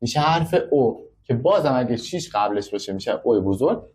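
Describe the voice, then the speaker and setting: A man's voice: medium pitch, expressive, darkish tone. A man teaching braille in a classroom, explaining step by step and counting out numbers. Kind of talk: classroom lesson.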